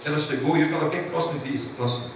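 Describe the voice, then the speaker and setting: A man preaching in a fairly high voice, passionate and moved, his words swelling with conviction. He is captured from a distance in a very reverberant church. Steady background noise sits under his voice. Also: racing. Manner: impassioned preaching, emotional storytelling. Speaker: pastor. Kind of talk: sermon. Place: church sanctuary. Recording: echoey church from a distant mic, noisy.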